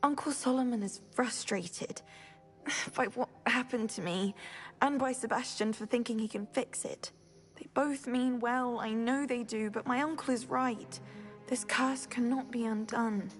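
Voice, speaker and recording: An actress as a soft-spoken, weary young witch under a curse, raised pitch, faint music behind, for a game. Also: fairly even intonation, unhurried, close to an everyday voice. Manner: soft, weary, at times breathy. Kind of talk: video game dialogue.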